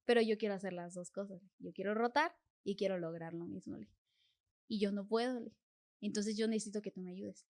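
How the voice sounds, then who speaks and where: A woman's voice: mid-range voice, fairly even intonation, fairly quick, a little mellow. A young adult woman, a podcast guest, tells a personal faith testimony in an earnest way and acts out her prayers as dialogue.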